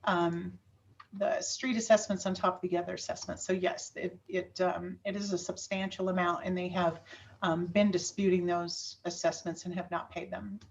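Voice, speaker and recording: Brief: woman finance official, soft and hesitant, heard from a distance on dull audio. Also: lowish voice, flat delivery, normal speed. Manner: hesitant, quiet, many ums and restarts. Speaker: finance director. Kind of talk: formal public meeting remarks. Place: city council meeting.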